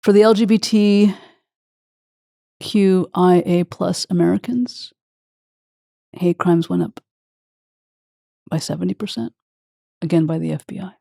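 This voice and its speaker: A woman's voice: lowish voice, measured pace, creaky, long pauses, warm tone, dry recording, studio quality. A woman hosting an interview, effusive and openly emotional as she talks with her guest. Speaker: podcast host.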